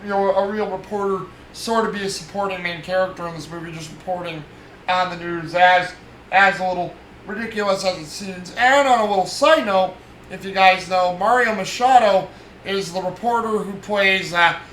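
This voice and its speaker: A man's voice: high voice, pushed and bright. A man hosting a casual movie review, rambling with many fillers and restarts as he retells scenes. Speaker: movie podcast host. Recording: echoey room with faint noise.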